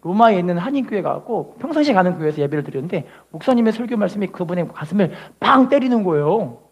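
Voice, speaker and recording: A woman's voice: on the low side, big pitch swings, fast, breathy edge. A middle-aged woman pastor telling a story in a sermon, acting out quotes and exclaiming hallelujah.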